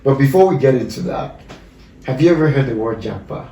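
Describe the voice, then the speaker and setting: A man's voice: mid-range voice, lively intonation, fairly quick, warm tone, highs cut off. A man from Cameroon hosting a podcast, enthusiastic and affirming, often answering with "yeah". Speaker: podcast host. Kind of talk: casual podcast interview. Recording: roomy, distant mic.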